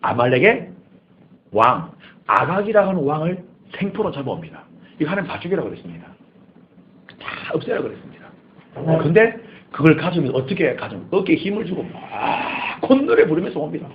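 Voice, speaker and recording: A male pastor preaching a sermon in church, animated and dramatic. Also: a little high, brisk, muffled recording, a little hiss or hum. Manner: animated preaching, acting out scripture quotes.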